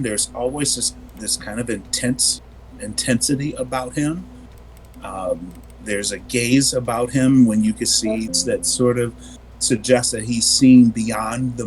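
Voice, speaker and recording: A man's voice: mid-range voice, rough recording. Man, tabletop player, describing his character, hesitant fillers, middle-range voice, faint background noise.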